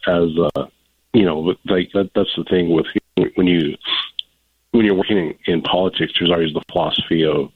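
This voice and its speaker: Low, husky American man on a phone line. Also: fairly even intonation, no echo. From South Dakota, United States. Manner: halting, rambling, repeats words. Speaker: political guest on a radio call-in show. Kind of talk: casual unscripted discussion.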